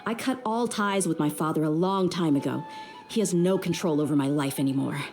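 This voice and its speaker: Brisk and a little mellow, the actress speaks low as the young female bodyguard-for-hire, frank and plain in her manner. Faint music plays behind her in this game voice-acting clip.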